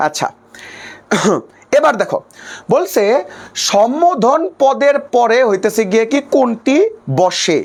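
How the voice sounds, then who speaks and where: A man's voice: very high voice, lively intonation, slow, long pauses. Young bangladeshi guy teaching online class, keeps asking and answering his own questions, same filler over and over. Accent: colloquial Bangladeshi Bengali. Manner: drilling question-and-answer, repeats a habitual filler phrase. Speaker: exam-prep teacher.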